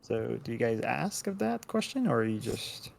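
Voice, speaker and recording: A man running a tabletop game as dungeon master, his voice rough with fry. He narrates casually and stops to restart his sentences often. It sounds like a livestreamed home session. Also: medium pitch, very animated, normal speed. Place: home setup, streaming online.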